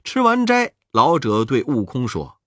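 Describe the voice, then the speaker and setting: A narrator telling a children's storybook with an expressive delivery. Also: medium pitch, a little slow, no room sound, studio quality.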